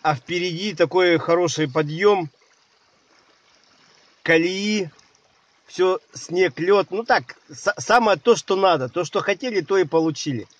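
A man's voice: high voice, measured pace, lo-fi sound. A young man vlogging casually outdoors in a forest at night, joking about his own bad luck with a dry, self-mocking humor. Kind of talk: casual vlog talk to camera.

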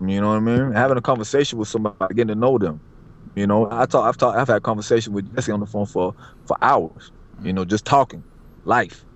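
In a dull, lo-fi recording, a man with a fairly low voice talks fast as a podcast guest. He's a barber from Florida, USA, chatting casually in a streetwise way, repeating himself and asking "you know what I mean."

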